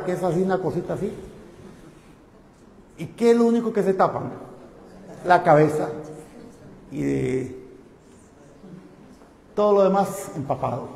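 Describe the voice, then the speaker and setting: A man's voice: high voice, a little mellow. A man preaching a sermon, putting rhetorical questions to his congregation. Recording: echoey hall.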